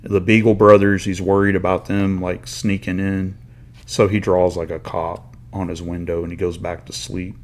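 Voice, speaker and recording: A man's voice: low-pitched, level tone, moderate pace. A man hosting a casual comic book talk, rambling through a story retelling with lots of "like" and some swearing. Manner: rambling retelling full of "like" and paraphrased lines; swearing, laid-back slang. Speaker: comic book reviewer host. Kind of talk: casual chat.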